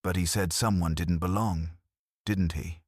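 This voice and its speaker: A man voicing a gentle, shrewd elderly lady detective in an audiobook, speaking softly and politely. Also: low voice, steady tone, a little slow, no echo, studio quality. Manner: soft, polite and probing.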